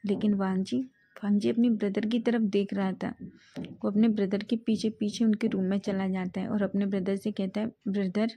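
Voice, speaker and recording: A woman's voice: mid-range voice, little pitch movement, normal speed, warm tone. A woman narrating a fan-fiction romance in a casual storytelling way, often correcting herself mid-line. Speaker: story reader.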